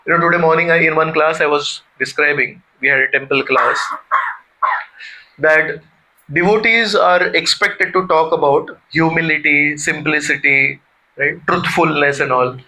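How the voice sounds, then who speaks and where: A man's voice: on the high side, fairly even intonation, moderate pace, sharp tone, low-quality recording. A man giving a conversational devotional talk, often putting questions to his listeners. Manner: conversational, asks the audience questions. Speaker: spiritual teacher.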